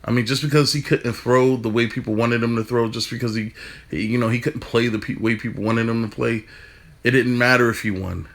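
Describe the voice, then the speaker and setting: A man talking fast in a casual football rant, stumbling over restarts and swearing casually. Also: medium pitch, steady tone. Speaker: football fan commentator.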